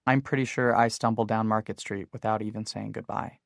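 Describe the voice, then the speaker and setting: A man narrating an audiobook in the first person, with even, steady storytelling. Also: fairly low pitch, a little fast, creaky, no echo, clean studio sound.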